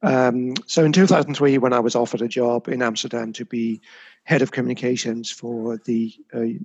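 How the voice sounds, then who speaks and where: A man's voice: mid-range voice, fairly even intonation, normal speed, slightly rough, highs cut off. A man as an interview guest, talking reflectively about his career with frequent small restarts. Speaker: guest, communications consultant. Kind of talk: casual interview.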